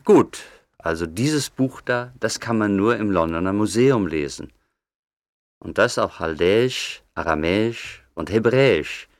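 An actor playing a gruff, blunt, suspicious man in an audio drama. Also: lowish voice, lively intonation, measured pace, no echo. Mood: curious. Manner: blunt, agitated, rough-spoken.

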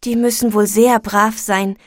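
A woman voicing a small, eager, innocent boy in a storybook reading, in a high, soft childlike voice. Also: flat delivery, measured pace, no room sound, clean studio sound, close to an everyday voice. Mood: wondering.

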